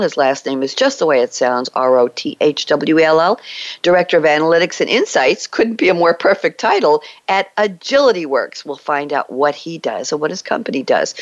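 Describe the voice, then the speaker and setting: A woman hosting a business podcast panel, bubbly and quick to laugh, on muffled lo-fi audio. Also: deep voice, no room sound. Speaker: show host.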